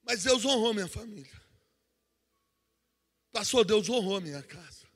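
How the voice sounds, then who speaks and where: A man preaches a testimony sermon, his very high voice sharp and bright. He drops to a hushed telling, then climbs into shouted preaching. The sound carries a long reverb from the church hall. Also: animated, unhurried, husky.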